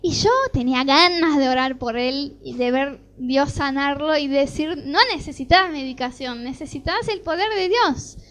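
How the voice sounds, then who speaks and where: A woman's voice: sits high, normal speed, few pauses. A middle-aged woman with an Argentine Rioplatense accent, preaching a sermon built around a personal testimony. She tells her story vividly and acts out the dialogue as she goes. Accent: Argentine Rioplatense Spanish. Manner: animated storytelling, acting out dialogue.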